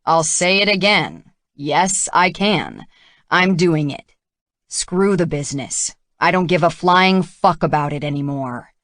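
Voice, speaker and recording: Woman doing a determined man in love, insistent, forceful, low slow voice, dry sound. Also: big pitch swings, no echo, exaggerated voice. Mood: defiant.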